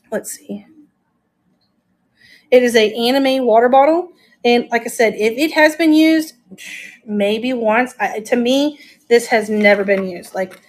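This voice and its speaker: On a relaxed live-stream auction, the host, whose voice is on the high side, shows off one item after another. She's eager and chatty, voicing her thoughts as she goes.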